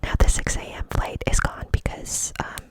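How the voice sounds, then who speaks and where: A fully whispered voice, cupped by the hands close to the microphone. The speaker tells a personal story in a chatty, rambling ASMR style, breathy and unvoiced throughout. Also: normal speed. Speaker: ASMR video creator.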